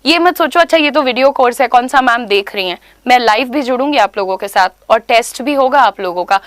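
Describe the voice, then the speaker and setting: A woman's voice: fairly high pitch, expressive, brisk, a bit bright, dry recording. A young woman with an Indian accent giving an online spoken English class, emphatic and instructive, repeating key points. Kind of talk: online class lecture in mixed Hindi and English.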